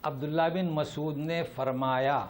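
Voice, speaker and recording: Teaching a Quran lesson and responding to questions, a man with a fairly high pitch and steady tone speaks with emphasis. He repeatedly poses rhetorical questions to drive the point in. A little hiss or hum is audible.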